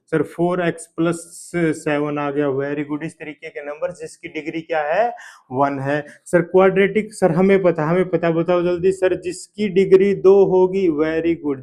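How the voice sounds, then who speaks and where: A man with a somewhat high voice teaches a math lesson for exam preparation. He asks the class questions, then answers them himself as if he were a student. He drills key terms again and again. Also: a little mellow. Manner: repeats key terms, praises with "very good".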